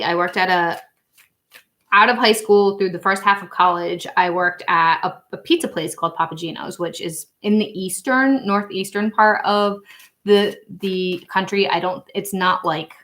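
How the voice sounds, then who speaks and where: A woman's voice: medium pitch, a little slow, fairly bright tone. A woman, hosting a casual tarot livestream in a rambling, chatty way with frequent laughs. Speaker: tarot reader and channel host.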